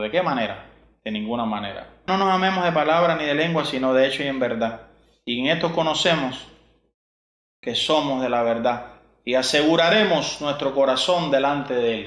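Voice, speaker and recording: A man's voice: mid-range voice, a bit bright. A man, possibly, preaching a sermon, asking rhetorical questions and repeating verses. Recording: echoey room.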